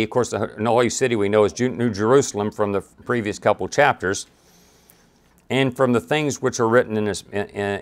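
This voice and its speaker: Reading scripture aloud, a mid-range-voiced man teaches a Bible study and talks the passages through in a conversational style. His delivery is full of restarts and side remarks.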